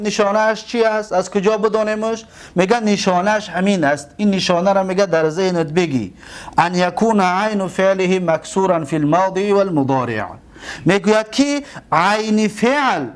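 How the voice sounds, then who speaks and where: A man gives a religious classroom lecture. He drags out each example word and says it again slowly. He puts questions to the class and answers them himself. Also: sits high. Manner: stretches out and repeats example words slowly. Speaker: religious teacher.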